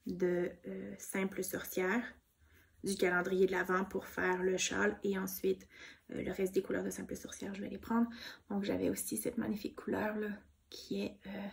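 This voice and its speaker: A woman with a Québécois accent chatting casually about her knitting projects, soft-spoken and gushing, with many fillers. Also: mid-range voice, flat delivery, a little slow, creaky, long pauses. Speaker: knitting vlogger. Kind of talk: casual show-and-tell chat.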